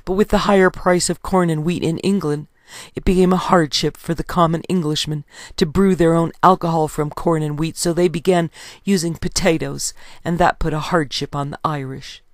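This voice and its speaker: A woman reading her own history book aloud in a steady, measured way, citing page numbers as she goes. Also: low-pitched, no room sound, studio quality.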